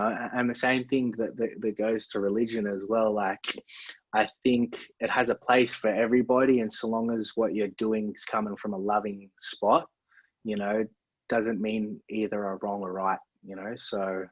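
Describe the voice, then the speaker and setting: A man's voice: fairly low pitch, no room sound. A man, a podcast guest chatting in a laid-back way, dropping "man" and "like" often. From Australia. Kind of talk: casual podcast conversation. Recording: dull, lo-fi and dry.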